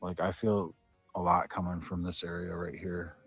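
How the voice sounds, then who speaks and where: A man's voice: low-pitched, flat delivery, normal speed, gravelly, husky, soft background music. A man talking casually as a paranormal investigator during a ghost hunt, putting questions to spirits.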